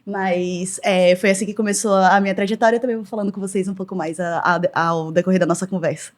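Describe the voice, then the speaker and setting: A woman, a journalist guest on a podcast, speaking in a measured, articulate way. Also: mid-range voice, fairly even intonation. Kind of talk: casual interview chat.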